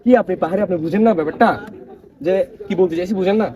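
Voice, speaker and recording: Fast-talking man doing a street prank. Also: sits high, dark tone, lo-fi sound. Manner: joking, pleading, talks to viewers. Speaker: prank video host. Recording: noisy crowd around.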